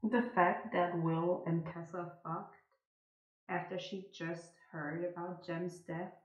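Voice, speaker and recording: A woman's voice: fairly low pitch, fairly even intonation, takes it slowly. A young woman giving a casual, blunt, exasperated book reaction vlog in a tiled bathroom, picked up from a little distance. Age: young adult. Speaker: book vlogger. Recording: roomy, distant, dull sound.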